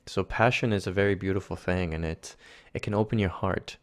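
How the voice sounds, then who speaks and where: A man from Argentina, a spiritual mentor as guest, talking in a soft, earnest, gently encouraging way. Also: sits low, fairly quick. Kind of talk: reflective conversation.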